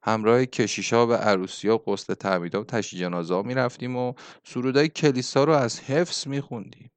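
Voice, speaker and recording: A man's voice: mid-range voice, clear, resonant tone, dry recording, lightly acted. A man voicing a lusty, impulsive old workman in an audiobook, talking in an earthy, exclamatory way. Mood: boisterous.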